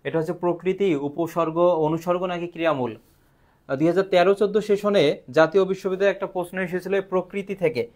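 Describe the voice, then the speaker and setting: Man, online grammar teacher, slightly high voice, quizzing then answering himself. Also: fairly even intonation, fast talker, a little mellow. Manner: asks questions and answers them himself. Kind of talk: live online grammar lesson.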